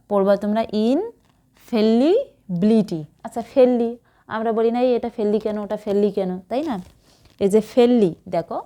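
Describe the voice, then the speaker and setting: A woman's voice: fairly high pitch, warm tone. A woman teaching English vocabulary, spelling words letter by letter and giving memory tricks. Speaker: English tutor. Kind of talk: vocabulary lesson.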